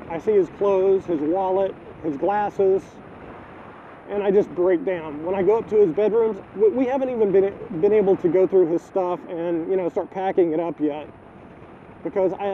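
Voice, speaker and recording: A middle-aged man in a personal video diary, halting and repeating words, choked up with grief. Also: sits high. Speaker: vlogger. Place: outdoors, filming the neighborhood. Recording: tinny phone-like audio, faint wind noise.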